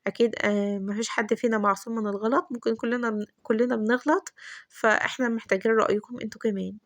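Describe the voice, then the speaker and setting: A young woman with an Egyptian Arabic accent narrating her home routine as a voice-over, chatty and rambling, often restarting her sentences and adding warm blessings. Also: a little high, steady tone, fast, dry recording. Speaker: home vlogger.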